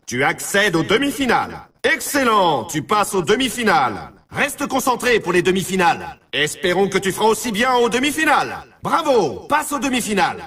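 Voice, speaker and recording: An excitable arcade snowboard race announcer, heavily acted and far from the mic, pitches his voice high and swings it widely. Brash and showy, he punches out exclamations with a bright, forceful, breathy edge. It's big, upbeat, urging video game hype from start to finish.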